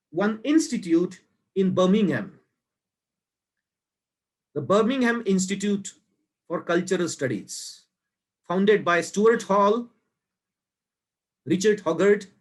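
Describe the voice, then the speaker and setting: A man from India giving an academic lecture in a slow, deliberate way, pausing between phrases. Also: high voice.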